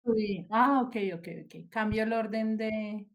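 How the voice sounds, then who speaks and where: A woman's voice: on the high side, fairly even intonation, a little slow, muffled recording. A woman student answering a teacher's questions, hesitant and thinking aloud. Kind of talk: answering in class.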